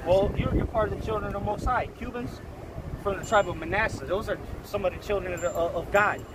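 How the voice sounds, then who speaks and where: A man's voice: high voice, steady tone, fast. A man from Puerto Rico preaching outdoors to passersby, insistent and repeating his points as he cites scripture. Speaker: street preacher. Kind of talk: street preaching. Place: outdoors on a busy street. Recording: loud outdoor traffic noise. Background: passing traffic.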